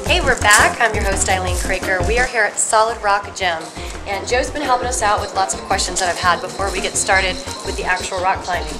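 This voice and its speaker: A woman's voice: mid-range voice, a little fast. A woman hosting a show on location in a casual, chatty style. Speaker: show host. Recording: loud music over the voice. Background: loud music.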